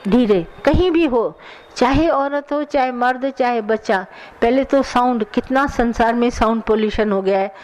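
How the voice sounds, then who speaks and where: A woman leads a satsang as its spiritual teacher, her voice sitting fairly high. She speaks earnestly and admonishes her listeners, then takes their questions and answers them directly. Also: darkish tone, slight background noise, poor audio. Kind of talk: satsang sermon with audience questions.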